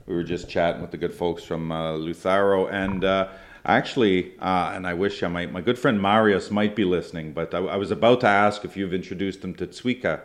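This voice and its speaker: A man's voice: low voice, a little fast. A man hosting a casual chat with a band, jokey and easygoing. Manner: jokey, easygoing, lots of fillers. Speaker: podcast host. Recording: echoey room.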